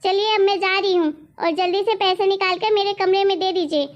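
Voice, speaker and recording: A woman playing a sharp-tongued young daughter-in-law who talks back defiantly, in a family drama. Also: very high-pitched, steady tone, fairly quick, muffled recording. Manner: bossy, defiant.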